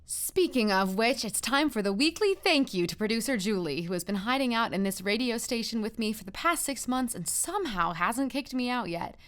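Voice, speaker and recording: A woman's voice: a little high, expressive, moderate pace, hardly any pauses, a bit bright. A woman playing a chatty, self-deprecating radio host of the apocalypse in a scripted comedy, with a wry, awkwardly upbeat manner. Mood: warm, wry.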